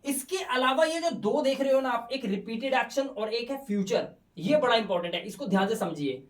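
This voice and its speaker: A man teaching an English grammar lesson, explaining step by step with rhetorical questions and reading example sentences slowly. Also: very high-pitched, animated. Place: teaching room in front of slides. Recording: roomy echo, voice from far off.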